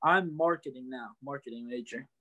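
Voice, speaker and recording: A man's voice: medium pitch, moderate pace, a crowd in the background. A young man, a college student, chatting as an interview guest, filling his talk with "like". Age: young adult. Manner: chatty, filler-heavy with "like". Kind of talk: casual interview chat.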